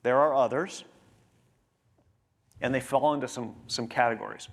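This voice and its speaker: A man presenting from a conference stage, his mid-pitched voice carrying a gravelly rasp. He talks to his audience of professionals in a conversational way and keeps checking in with quick tag questions. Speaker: conference speaker.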